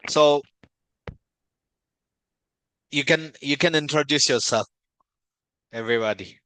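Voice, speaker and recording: A man from Ethiopia hosting a video call meeting and presenting, friendly and halting with many fillers and restarts. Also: on the high side, sharp tone, no echo. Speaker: meeting host, company founder.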